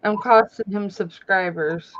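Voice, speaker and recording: A woman's voice: mid-range voice, measured pace, fairly bright tone, dull audio, slight background noise. A woman chatting and teasing on a casual live stream, laughing often. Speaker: guest on a reseller live stream. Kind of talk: casual joking chat.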